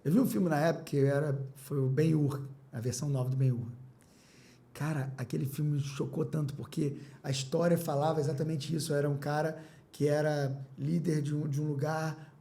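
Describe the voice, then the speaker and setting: A man's voice: on the high side, fairly even intonation, moderate pace, gravelly, mellow. A middle-aged man, a business owner and podcast guest, telling a personal story with emotion, repeating phrases and acting out his own past words.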